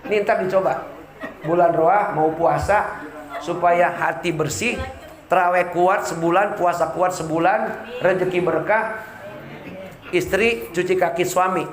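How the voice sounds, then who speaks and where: Male preacher, high voice, comic sermon style, echoey room with a crowd. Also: fairly even intonation, a little slow, pauses often. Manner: joking, acts out quoted voices. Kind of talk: humorous sermon. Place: community religious gathering.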